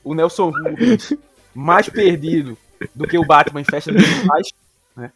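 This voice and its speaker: Slangy Brazilian man, fairly high-pitched, bantering. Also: expressive, a crowd in the background. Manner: slangy, joking, halting with frequent repeats. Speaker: podcast co-host. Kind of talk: casual sports podcast banter.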